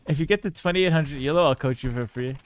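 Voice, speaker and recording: There's slight background noise behind this Canadian man's somewhat high voice as he plays a game on a live stream. Easygoing and joking, he swears without a second thought and reads the chat out loud.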